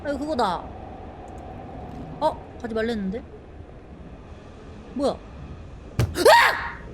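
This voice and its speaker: Female horror game streamer, very high voice, scared and jumpy, lively swings in pitch, casual live commentary. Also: moderate pace, noisy background.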